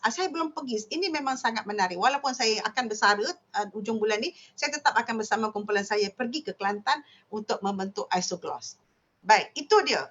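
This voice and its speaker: A woman's voice: a little high, a bit bright. Lo-fi older Malaysian woman lecturing. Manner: explanatory, many drawn-out "ah" fillers, imitates speech sounds. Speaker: linguistics lecturer. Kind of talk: academic seminar lecture. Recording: dull lo-fi recording.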